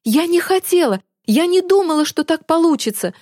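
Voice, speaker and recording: A woman's voice: fairly low pitch, sing-song, measured pace, mellow, slightly rough, no room sound, clean studio sound, exaggerated voice. A woman reading the part of a frightened young girl who pleads breathlessly in a storybook narration. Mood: pleading.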